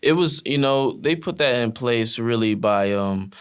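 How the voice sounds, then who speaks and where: A young man, a college wrestler and team captain, chatting casually in an interview with many "you know" fillers and lively storytelling. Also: mid-range voice, measured pace, smooth. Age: young adult. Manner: relaxed, many fillers like "you know", animated when telling stories.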